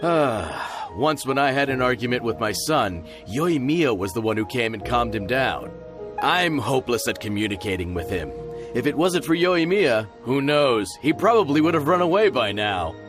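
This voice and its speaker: A man playing a genial, generous middle-aged merchant in a video game, talking in a familiar, expressive way. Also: mid-range voice, moderate pace, music in the background, close to an everyday voice. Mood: warm, rueful.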